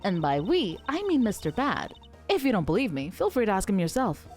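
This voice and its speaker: A woman's voice: medium pitch, sing-song, a little fast, darkish tone, faint music behind, lightly acted. A woman voicing a cheerful, mocking young woman who giggles and teases while reading a game aloud. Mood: breezy. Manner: giggly, teasing.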